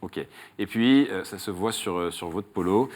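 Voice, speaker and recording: A man's voice: sits low, moderate pace, a little mellow. A man hosting a televised quiz show, playful and joking, reading questions and answer options with emphatic rises. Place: TV studio.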